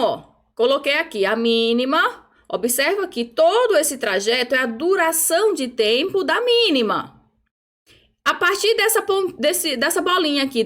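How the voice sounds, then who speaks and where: Brief: female music teacher, high bright pitch, patient, step-by-step explainer, chants rhythm syllables. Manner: patient explaining, frequent "ó" and "tá?" checks. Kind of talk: online music theory lesson.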